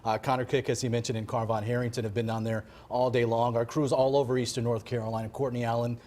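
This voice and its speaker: A man's voice: medium pitch, level tone, quick pace, a little mellow. A man anchoring live TV news from a studio, partly ad-libbing.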